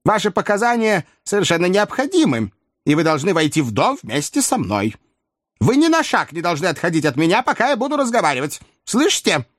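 A man voicing a fussy, nervous, thrifty old woman in an audiobook, in a high, quavering, fretful voice. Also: very animated, a little fast, dry recording, studio quality. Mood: bossy.

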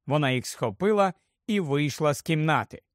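A man reading an audiobook aloud in an expressive, steady storytelling manner. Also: a little high, normal speed, dry recording, studio quality. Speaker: audiobook narrator.

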